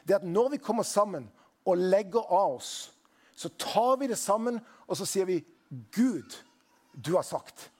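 A man's voice: sits high, lively intonation. A man preaching a sermon as pastor, talking conversationally and putting questions to the congregation.

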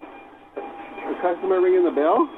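A man's voice: high-pitched, big pitch swings, measured pace, noisy background. Puzzled man on a tinny phone line. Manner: puzzled, keeps asking to repeat. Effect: heard over a phone line. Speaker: fast-food worker answering the phone.

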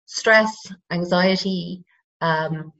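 A dull, lo-fi recording of an Irish woman in middle age. Her voice is low and croaky. She explains things informally, measured and hesitant, pausing often as she goes. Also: a bit bright. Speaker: psychotherapist, interview guest. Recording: dull, lo-fi sound.

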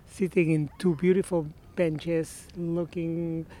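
A man in his sixties with an Argentine Spanish accent tells stories as a guest in a relaxed outdoor interview beside a marina. He's animated, often trailing off and restarting his phrases, and speaks slowly in a fairly high voice.

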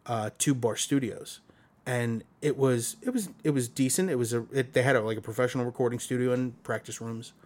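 A man's voice: medium pitch, brisk. Brooklyn man telling stories in casual chat. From Brooklyn, New York. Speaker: podcast guest. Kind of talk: casual conversational storytelling.

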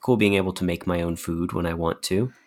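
In his twenties, a man co-hosts a podcast in a casual, joking, self-deprecating way, his low, steady voice brisk and somewhat dark. The bare room gives his speech a cave-like echo.

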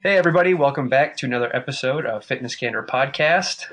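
A man's voice: mid-range voice, fast, a bit bright, faint music behind. A man hosting a fitness podcast, welcoming his guest in a loose, upbeat way with fillers. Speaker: podcast host. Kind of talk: casual interview hosting.

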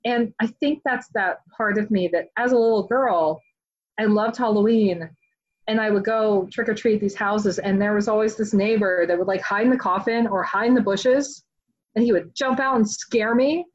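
A woman author being interviewed, talking in a chatty, animated way with many "like" fillers. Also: medium pitch, normal speed, dull audio. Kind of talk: casual interview chat.

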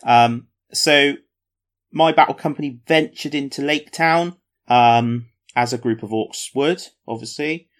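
A man's voice: mid-range voice, measured pace, fairly bright tone. A man co-hosting a casual podcast, chatting about tabletop wargames in a jokey, self-mocking, rambling way. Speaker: podcast co-host.

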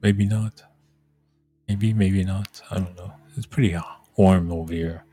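A man talks in a low, slow, somewhat rough-edged voice. He rambles casually like a streamer, halting and repeating phrases as he goes. Soft music plays faintly behind him. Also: fairly even intonation, dry recording. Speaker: livestream host.

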